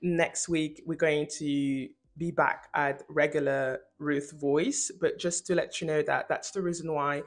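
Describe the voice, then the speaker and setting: In a home room, a young channel host and video essayist addresses the camera in a slangy, informal, emphatic video essay. Her voice is low and steady, at a measured pace with few pauses.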